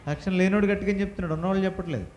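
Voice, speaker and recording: A man teaching a Bible lesson to children, firing questions at the class and having them repeat answers loudly. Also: high-pitched, some chatter behind, a little hiss or hum. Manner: quizzing the class with rapid questions. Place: church hall with children. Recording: echoey hall.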